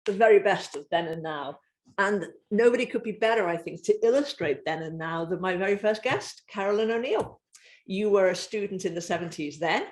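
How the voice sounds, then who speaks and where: A woman hosts an online celebration event and talks over a video call. She introduces guests in a polished, friendly way and puts relaxed questions to them. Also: medium pitch. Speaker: host. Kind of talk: hosting an online alumni event.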